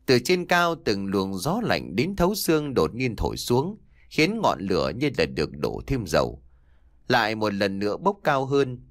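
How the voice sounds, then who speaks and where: A man's voice: lowish voice, normal speed, no echo. A man reads a chilling folk story aloud, his voice rising and falling widely as the tension builds. The recording is dry and close, with no room around it. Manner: dramatic, expressive storytelling. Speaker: audiobook narrator. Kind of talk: scripted horror story narration.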